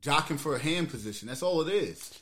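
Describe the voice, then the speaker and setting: A man co-hosting a casual podcast, with a voice sitting a little high for a man. He talks loud and animated, heavy on slang and swearing. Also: fairly quick. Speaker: podcast co-host. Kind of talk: casual chat.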